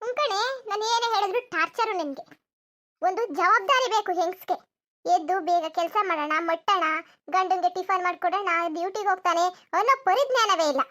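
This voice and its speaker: A shrill nagging mother-in-law, as a woman voices her. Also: a little fast, fairly bright tone. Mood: scolding. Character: scolding bossy middle-aged mother-in-law. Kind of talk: cartoon comedy voice acting.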